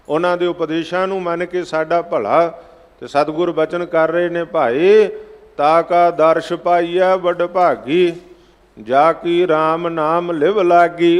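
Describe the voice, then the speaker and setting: A man preaching a sermon, chanting scripture lines slowly and then explaining them in plain speech. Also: on the high side. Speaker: Sikh preacher giving scripture exposition. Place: large gurdwara hall. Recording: long hall reverb.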